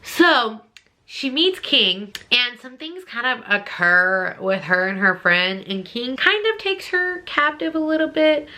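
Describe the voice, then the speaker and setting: On her book review vlog, the channel host speaks a little slowly in a high-leaning, sing-song voice that sounds pushed and bright. She keeps it casual and gushing, hammering points home through repetition.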